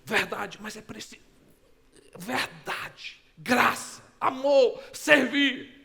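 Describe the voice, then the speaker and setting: A high-voiced, bright-toned man preaches with a Brazilian Portuguese accent, his sermon ringing through a church hall with long reverb. He swings from hushed asides to loud, animated outbursts and slips into quick acted-out dialogues. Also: gravelly, breathy edge. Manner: acts out short quoted dialogues in his own voice. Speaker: pastor.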